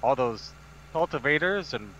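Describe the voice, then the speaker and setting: A man's voice: medium pitch, animated, moderate pace, a bit bright. A man playing a farming game with friends, chatting casually and ribbing them in a dry, matter-of-fact way. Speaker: co-player on a stream. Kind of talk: casual gaming chat. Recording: dull lo-fi mic with faint noise.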